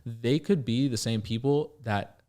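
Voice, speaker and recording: A man's voice: mid-range voice, measured pace, mellow. A man hosting a podcast in a casual, emphatic, motivational way, swearing freely. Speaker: podcast host.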